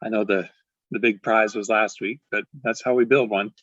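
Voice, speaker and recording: Husky man greeting members on a video call. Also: lowish voice, steady tone, normal speed, a bit bright, no room sound. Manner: chatty, greets members by name, laughs often. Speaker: club president hosting a video meeting. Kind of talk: casual chat. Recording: dull lo-fi video call audio.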